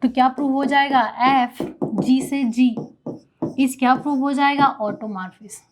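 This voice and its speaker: A woman's voice: high-pitched, steady tone, measured pace, noisy background. A young woman teaching a math lecture, asking questions and answering them herself.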